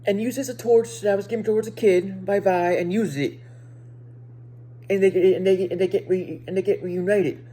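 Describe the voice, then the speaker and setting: Haltingly, because of a speech impediment, a woman reviews a show for her viewers, often going back to repeat or reword phrases. Her soft-edged, mellow voice sits mid-range with fairly even intonation. There's a little hiss or hum on the recording.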